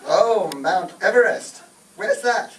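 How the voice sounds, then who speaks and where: Blustering shady military major played by a man, high-pitched, distant roomy stage recording, radio comedy. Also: lively intonation, takes it slowly, a little hiss or hum. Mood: commanding. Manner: pompous, blustering. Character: Major Bloodnok, pompous male British military officer, shady and blustering.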